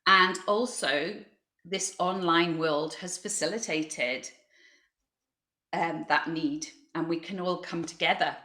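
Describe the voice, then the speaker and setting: A woman giving unscripted remarks at an online conference, reflective and hesitant, pausing mid-phrase. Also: fairly low pitch, pushed and bright. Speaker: freelance singing practitioner, panel speaker. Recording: roomy, echoing online audio.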